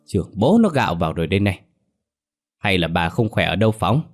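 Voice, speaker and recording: Man doing a gruff scolding village husband. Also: low-pitched, sing-song, fast talker, exaggerated voice. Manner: brusque, scolding.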